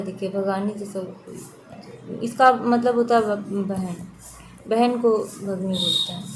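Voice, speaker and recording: A woman's voice: mid-range voice, background noise. A woman teaching an online exam-prep lesson, steadily repeating which spellings are correct and which are wrong.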